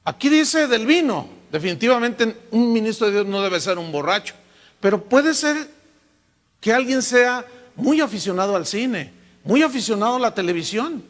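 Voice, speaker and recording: A Mexican pastor with a notably high voice for a man delivers a spirited sermon, tossing rhetorical questions at his listeners. His words ring out with a long, trailing reverb from a large hall. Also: normal speed. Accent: Mexican Spanish. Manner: lively preaching, rhetorical questions to the congregation.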